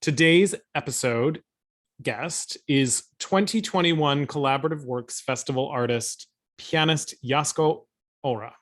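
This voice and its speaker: A man in his thirties hosts an online interview over a video call from a room at home, chatty and upbeat. His voice is on the high side, a bit bright, at a measured pace.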